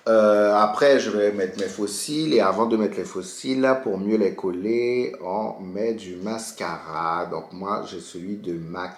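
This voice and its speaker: Chatty man with a low, echoey voice. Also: unhurried, few pauses, a little hiss or hum. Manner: animated, re-enacts dialogue with big pitch jumps. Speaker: beauty vlogger. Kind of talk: chatty storytime while doing makeup.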